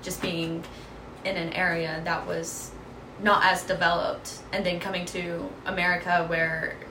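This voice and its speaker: A woman's voice: lowish voice, little pitch movement, a little slow, background noise. A woman hosting an interview, upbeat and encouraging, often answering with yeah. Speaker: interview host. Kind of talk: hosted interview.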